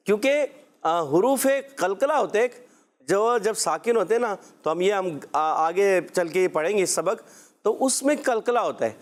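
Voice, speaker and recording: A man's voice: high-pitched, clean tone. A man teaching children Quran letter pronunciation, patient and encouraging, drawing out each letter sound for them to repeat.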